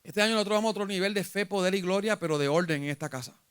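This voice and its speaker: Smooth and a bit bright, this man's high voice races along as he delivers a sermon in Puerto Rican Spanish-accented speech. As pastor, he asks his congregation questions and rises when retelling scripture.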